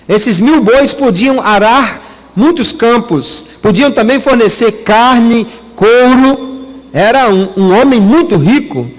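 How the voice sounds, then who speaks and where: A man with a Brazilian Portuguese accent, a pastor preaching a teaching sermon to his congregation in a church. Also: very high voice. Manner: teaching, addresses congregation as brothers. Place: church hall. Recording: long church hall reverb.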